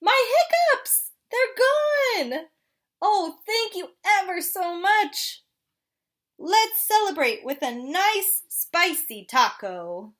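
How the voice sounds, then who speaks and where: A woman plays a little boy penguin from a picture book, high-voiced and swooping. He is polite but flustered, his slow speech broken by gasping hiccups, and he appeals to children like an expressive kids show host. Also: exaggerated voice. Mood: indignant, excited. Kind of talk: animated children's storybook read-aloud.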